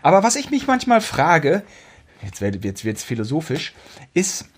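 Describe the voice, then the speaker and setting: Higher-voiced, husky man, rambling and animated. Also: moderate pace. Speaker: podcast co-host. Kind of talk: casual chat.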